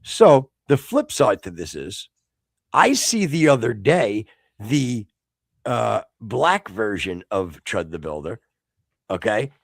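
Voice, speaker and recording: A man from the United States co-hosting a casual podcast, rambling with many restarts and sudden excited outbursts. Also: on the low side, slow pace, vocal fry, no echo, clean studio sound. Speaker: podcast co-host.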